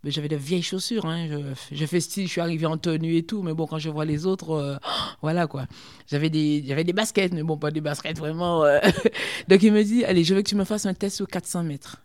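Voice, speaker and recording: A middle-aged woman from Guadeloupe, a former sprinter telling her story in an interview, chatty and lively with lots of fillers. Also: low-pitched, brisk. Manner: lively, chatty, full of fillers like hein and quoi.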